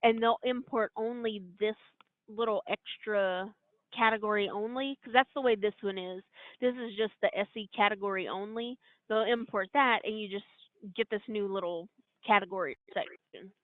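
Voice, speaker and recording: Over a conference call, a woman trainer gives an informal, step-by-step walkthrough of software steps. Her mid-range voice moves at a normal speed with fairly even intonation, and the dry recording comes through a narrow, tinny line.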